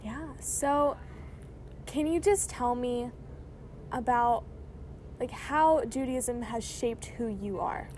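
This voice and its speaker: A young woman with a fairly high voice talks casually with a friend, chatty and relaxed. It is recorded on a phone outdoors in a backyard. A faint hiss sits behind her. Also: slow, pauses often, poor audio. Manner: chatty, friendly, uses fillers like "like". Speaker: interviewer. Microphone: phone, no other equipment.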